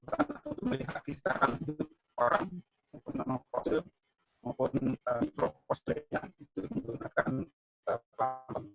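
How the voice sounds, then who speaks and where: A man's voice: a little high, wildly swooping pitch, moderate pace, gravelly, dry recording. A man giving an online university lecture in an explanatory way, often checking in with his listeners, over a bad connection where his voice keeps breaking up. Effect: choppy, breaking-up video call audio. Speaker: geology lecturer. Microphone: video call. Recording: dull lo-fi call audio.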